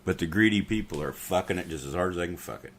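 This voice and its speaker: A man's voice: low voice, fast talker, fairly bright tone. A middle-aged man ranting bitterly and profanely in a casual podcast conversation. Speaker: podcast co-host. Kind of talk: casual political rant.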